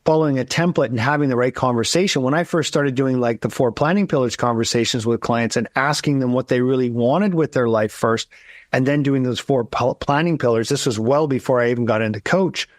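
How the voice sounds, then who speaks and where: A man hosts an interview podcast, chatting casually and with growing energy about his work with clients. He talks in quick restarts and self-corrections, at an ordinary middle pitch. The sound is dry and close, with no room around it. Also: dry recording. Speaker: podcast host, accountant.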